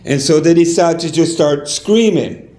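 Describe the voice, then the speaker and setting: A male pastor telling a parable at a fundraiser, in a halting style with many fillers. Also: a little high, darkish tone. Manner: halting, filler-heavy storytelling. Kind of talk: sermon storytelling. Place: fundraiser event hall. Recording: echoey hall, faint noise.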